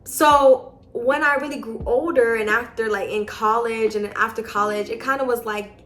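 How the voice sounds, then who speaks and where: A woman's voice: fairly high pitch, fairly even intonation, moderate pace, fairly bright tone, soft background music. Chatty young woman telling a story. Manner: chatty, lots of filler words and repeats. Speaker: vlogger giving a testimony. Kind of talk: casual personal storytelling. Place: at home in her apartment living room.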